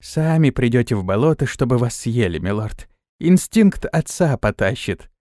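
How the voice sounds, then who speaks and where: Brief: quiet lifeless servant girl, flat and slow, dry; a man plays her. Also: medium pitch, no room sound, close to an everyday voice.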